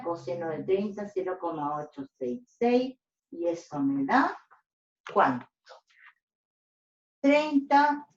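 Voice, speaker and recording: Working through a physics lesson on the whiteboard, this woman stops often to make sure her students keep up, checking in with "¿ya?" after every step. Her voice is mid-range and darkish, heard in an echoey room with dull, lo-fi sound.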